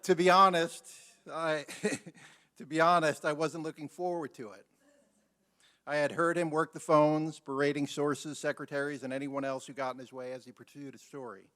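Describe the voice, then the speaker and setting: A man with a slightly high voice speaks at a memorial service as a newspaper editor. His eulogy is formal and measured, and he drops in a dry joke. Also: flat delivery, fairly bright tone. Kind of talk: memorial speech.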